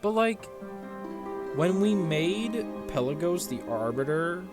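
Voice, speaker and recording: A game streamer rants casually through his gameplay commentary, exasperated and swearing, with game music playing behind him. His voice is a little high and very animated, yet he takes it slowly.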